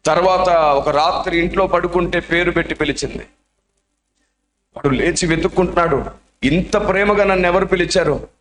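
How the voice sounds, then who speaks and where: A man's voice: high voice, moderate pace, fairly bright tone, slight background noise. A male preacher telling a testimony story in a dramatic, emotional sermon style. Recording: echoey room.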